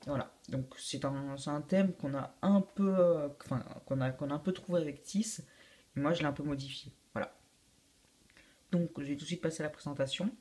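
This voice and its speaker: A teenage boy presenting his Lego build for his channel in a casual, halting way, often restarting his sentences. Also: a little high, darkish tone. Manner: hesitant, many fillers and restarts. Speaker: YouTube host showing a Lego build. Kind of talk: casual video walkthrough.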